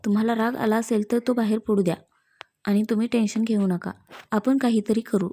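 A woman voicing a fretful, loving young wife in a storybook. Her lines come out worried and pleading in a fairly high, mellow voice. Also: steady tone, fairly quick, lightly acted. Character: anxious, affectionate young wife.

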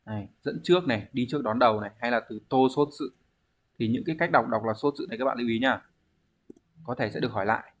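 A man's voice: mid-range voice, fast talker, a bit bright. A man, teaching a language exam review lesson, explaining step by step and answering his own questions.

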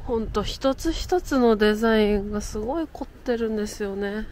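A woman's voice: fairly high pitch, unhurried, a little mellow, slight background noise. A woman, chatting to her camera as she walks around a city outdoors, laughing often. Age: 30s. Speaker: travel vlogger. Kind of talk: casual travel vlog narration. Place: outdoors in a windy, cold city.

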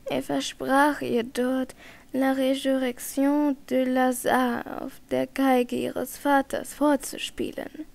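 Woman putting on a sweet old lady, slow and insistent, a bit higher, gravelly edge. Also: level tone, a little mellow, heavily acted. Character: elderly naive devout old woman. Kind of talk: audiobook character reading.

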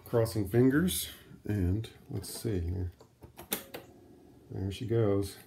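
Slow-paced and warm, with a lowish, gravelly voice, a middle-aged vintage audio vlogger chats through an unscripted demo indoors at home, thinking aloud as he handles his equipment. A little hiss or hum is audible.

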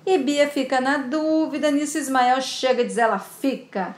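A woman's voice: high voice, fairly even intonation, moderate pace. A woman narrating a soap opera recap, retelling the scenes and reading all the dialogue herself. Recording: echoey room with faint ambience.

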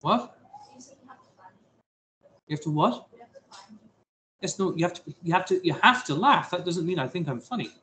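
A man's voice: high-pitched, expressive, normal speed, long pauses, bright, forceful tone, slight background noise, low-quality recording. A man teaching a science lesson to his class, talking through a simulation with jokey, self-deprecating asides.

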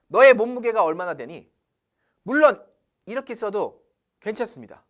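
A man leads a casual English lesson in an animated way. His pitch swings up and down as he asks himself questions and answers them. He drops English phrases in as he goes. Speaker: English teacher.

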